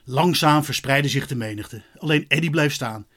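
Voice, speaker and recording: A man narrating a children's story as an expressive, lively audiobook reading. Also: mid-range voice, normal speed.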